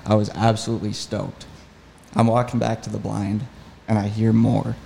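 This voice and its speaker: A man's voice: on the low side, normal speed, vocal fry, slight background noise. A man telling a story as a podcast guest, in a casual, enthusiastic way. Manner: enthusiastic, animated retelling. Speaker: podcast guest, hunting guide.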